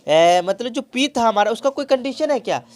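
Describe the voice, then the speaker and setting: A man's voice: very high voice, expressive, normal speed. A man teaching a classroom math lesson as a tutor, constantly prompting his pupils with questions and calling them by affectionate terms. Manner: coaxing call-and-response questioning.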